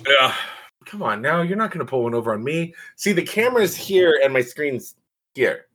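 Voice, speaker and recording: A man co-hosting a casual podcast, with a booming announcer-style delivery and crude, joking banter. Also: very animated, moderate pace, fairly bright tone, breathy edge. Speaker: podcast co-host, teacher. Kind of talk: casual chat.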